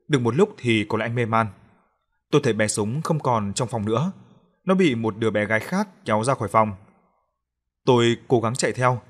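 A man reading a first-person horror story aloud as an audiobook narrator, in a calm, steady way. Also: mid-range voice.

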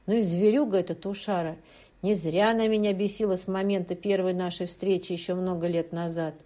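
A woman narrating a first-person audiobook in a tense, expressive way. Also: lowish voice, a little fast.

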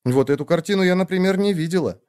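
Man doing a talkative young sister, high voice, eager and fussing, audiobook reading. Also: fast, a little mellow, smooth, close to an everyday voice. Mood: chatty, coaxing. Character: chatty caring young woman, little sister.

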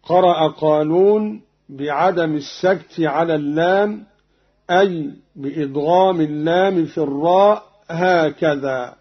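A man giving a formal broadcast explanation of Quran reading variants, in a measured, deliberate delivery that slows further for the quoted verses. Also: on the high side, husky. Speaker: radio presenter of a Quran recitation program. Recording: dull lo-fi archive radio recording.

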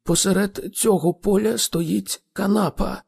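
A man's voice: high-pitched, steady tone, a little slow, vocal fry, darkish tone, slightly rough, voice pushed up, heavily acted. A man reading an audiobook, voicing a bewildered, earnest man who talks in puzzled, long-winded sentences. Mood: baffled. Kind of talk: audiobook character voice.

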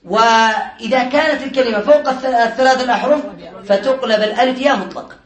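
Man, very high voice, classroom teacher, step-by-step explanation, quizzes students, echoey room. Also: fast, a bit bright. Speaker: teacher of Arabic morphology. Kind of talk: classroom lesson.

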